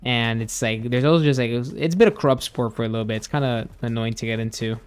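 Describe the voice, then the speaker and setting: Brief: young male streamer, easygoing rambling chat, middle-pitched voice, faint music underneath. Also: fairly even intonation, quick pace, smooth. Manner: rambling, laid-back, many fillers and restarts. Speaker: gaming streamer. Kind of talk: casual chat while gaming, reading chat.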